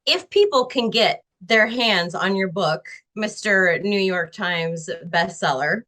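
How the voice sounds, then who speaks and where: A woman's voice: mid-range voice, lively intonation, takes it slowly, bright, forceful tone. A woman hosts a casual interview in a friendly way and asks her guest questions. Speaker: interview host.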